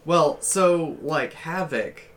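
A man hosting a casual chat, unhurried, often answering with short interjections. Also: on the high side.

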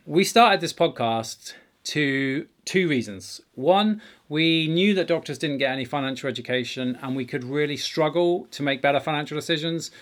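A man's voice: fairly high pitch, moderate pace, fairly bright tone. Male podcast host talking in a garage. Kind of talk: conversational podcast presenting. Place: home garage.

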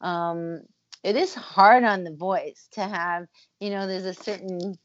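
A woman's voice: fairly low pitch, takes it slowly, muffled recording. A woman, a musician and former voice actor, talking thoughtfully in a casual interview over a video call, with frequent ums and uhs.

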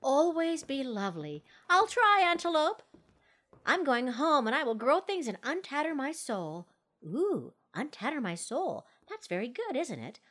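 A woman's voice: high voice, very animated, a little slow, fairly bright tone, pitched above the performer's own voice, heavily acted. A woman playing a flustered, easily moved woman gardener who mutters fussy asides in a comic audio play. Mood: gushing.

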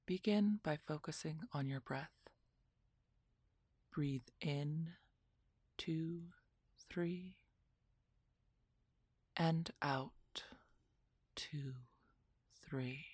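A woman narrating a guided relaxation meditation in a soft, soothing, breathy voice that often drops into a whisper, like a spa session. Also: deep voice, extremely slow, pauses often, dry recording.

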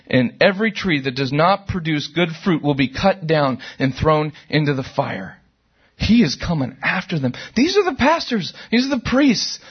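Husky animated male pastor preaching. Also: a little high, dull audio. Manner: animated, conversational preaching with sudden loud outbursts. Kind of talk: sermon. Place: church service.

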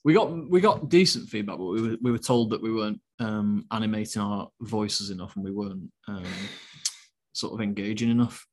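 A man co-hosting a podcast, talking in a steady, not very animated way and hesitating with fillers. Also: lowish voice, a little fast. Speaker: podcast co-host. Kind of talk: casual podcast chat.

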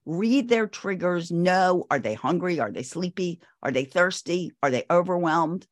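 This is an older woman with a fairly low voice, giving parenting advice in an interview. She is firm and instructive and circles back to repeat her key points. The sound is dry, with no room echo. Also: animated, unhurried. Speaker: parenting expert guest.

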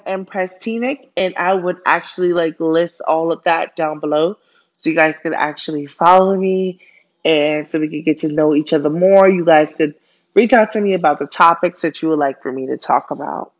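A young podcast host, born in Jamaica and raised in Brooklyn, talks through her first solo episode in a chatty, friendly monologue packed with fillers. She has a Jamaican accent and a fairly low voice at a normal speed, heard on a muffled recording.

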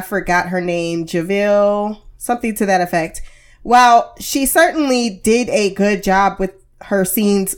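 A woman's voice: mid-range voice, smooth. An American woman hosting a casual TV review podcast, candid and wry, sounding under the weather and heavily medicated. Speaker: podcast host.

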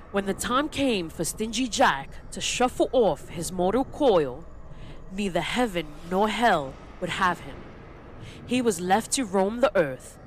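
A woman's voice: fairly low pitch, slight background noise. A woman reading a spooky folktale aloud in a theatrical storybook style. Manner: theatrical, old-fashioned storybook diction. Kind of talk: dramatic storytelling.

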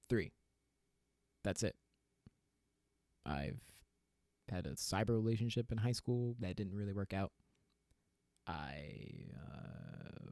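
Animated young man ranting on a podcast. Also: fairly low pitch, no room sound. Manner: animated, swings between loud laughing outbursts and quiet sincere asides. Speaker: podcast host. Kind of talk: solo podcast rant.

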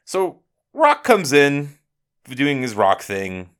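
A man's voice: a little high, huge pitch swings, takes it slowly, a bit bright, clear, resonant tone. A man co-hosting a podcast, ranting heatedly and swearing as he recaps a show. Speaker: podcast co-host. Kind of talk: casual chat.

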